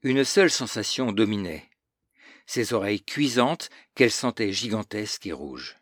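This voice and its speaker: A man narrating a novel as an audiobook in a measured, literary manner. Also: fairly low pitch, lively intonation, husky, no echo, studio quality.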